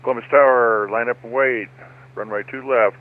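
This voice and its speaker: A man's voice: medium pitch, fairly even intonation, moderate pace. A man as a pilot over the radio, giving clipped readbacks with small hesitations. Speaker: flight sim pilot. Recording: tinny radio transmission from far off.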